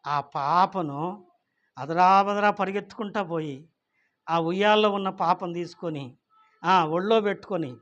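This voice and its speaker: A man's voice: sits high, a bit bright. A male pastor preaching an emphatic storytelling sermon, often questioning his listeners. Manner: chants lines of a hymn slowly. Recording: dull lo-fi sermon recording.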